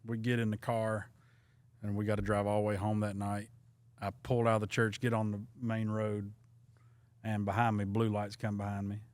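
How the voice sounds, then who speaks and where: A man, a pastor hosting a podcast and excitedly retelling a story at his own expense. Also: lowish voice, moderate pace. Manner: self-deprecating, excitable retelling. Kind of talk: casual storytelling.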